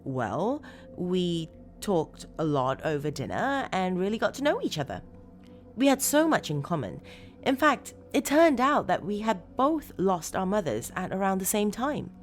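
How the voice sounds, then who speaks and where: A woman narrating a first-person horror story as a disturbed, obsessive woman who confides with eager, unsettling fondness, dramatically and with deliberate pauses. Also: mid-range voice, very animated, soft background music. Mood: excited, confiding.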